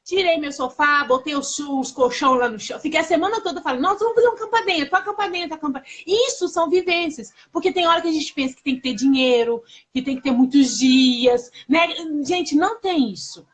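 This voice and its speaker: A Brazilian woman in her thirties, hosting a casual conversation and sharing personal stories in a lively, confiding way, often turning to speak straight to listeners. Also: sits high, a little fast, hardly any pauses. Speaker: host.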